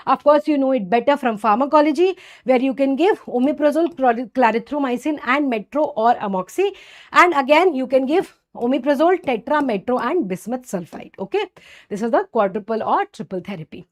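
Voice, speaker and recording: A North Indian woman medical lecturer with a high-pitched voice teaches an exam-focused microbiology lesson briskly, with lively intonation. She's didactic, asking and answering her own questions, frequently adding check-ins like "okay" and "right," and mixing Hindi phrases into her English.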